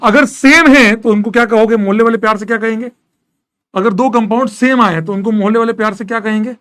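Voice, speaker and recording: A man's voice: high-pitched, fairly even intonation, fast talker, a bit bright. A man lecturing a chemistry class, repeating questions and quizzing his students, mixing terms into his speech. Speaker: chemistry teacher.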